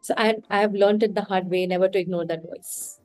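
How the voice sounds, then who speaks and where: In a casual interview, a podcast guest from India reflects candidly and thinks out loud in Indian English. Her medium-pitched voice is steady and darkish, moving a little fast. No room sound is audible, just faint music behind.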